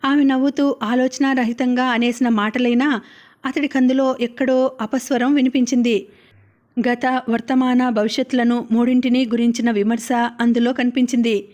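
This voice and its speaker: A woman reads a novel aloud in a high voice. She keeps a level, flat delivery with little movement in pitch, reading steadily as an audiobook narrator. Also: normal speed.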